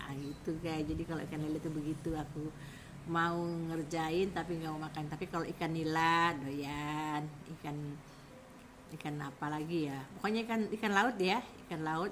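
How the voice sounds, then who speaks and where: A woman's voice: low-pitched, a little hiss or hum. Chatty woman selling on a live stream. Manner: chatty, rambling, addresses viewers as guys. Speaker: live-stream product seller. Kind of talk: casual live-stream sales chat.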